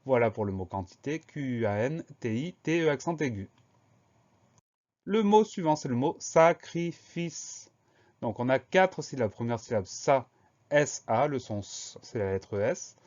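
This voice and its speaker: A man teaching a spelling lesson, slowly and patiently spelling out words letter by letter. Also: medium pitch, very animated, a little mellow. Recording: dull lo-fi recording.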